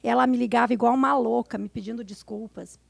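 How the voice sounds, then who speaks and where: A woman from Brazil, a podcast guest, telling frank, animated stories in casual conversation. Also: a little high, quick pace, vocal fry, husky, dry recording. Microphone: studio podcast mic.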